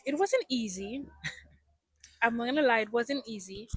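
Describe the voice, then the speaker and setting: A woman's voice: a little high, lively intonation, measured pace, husky, dry recording. A young woman, a guest raised in South Africa with English as her first language, chatting casually in an interview with many ums and restarts.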